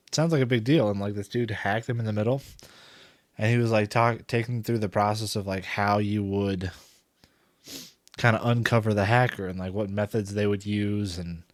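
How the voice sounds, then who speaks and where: A man's voice: on the low side, no echo, studio quality. A man streaming a video game, chatting casually, swearing and rambling with lots of filler words. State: a little out of breath. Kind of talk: casual gaming stream commentary.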